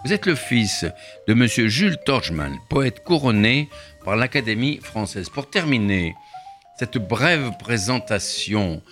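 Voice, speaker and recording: A man hosting a radio interview, introducing his guest in a measured, ceremonious way. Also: on the low side, fairly bright tone. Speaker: radio host.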